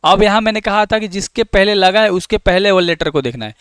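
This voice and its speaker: Higher-pitched Indian male grammar teacher. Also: lively intonation, fairly quick, fairly bright tone, smooth, no room sound. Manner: asks and answers his own questions on students' behalf; coaxing, calls students "babu". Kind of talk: exam-prep grammar lesson.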